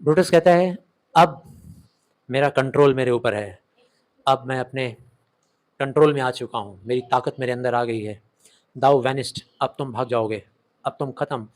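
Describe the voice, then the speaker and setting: A man with an Indian English accent teaching a play, reading the old lines slowly and explaining them in quick conversational Hindi. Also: medium pitch, a little mellow.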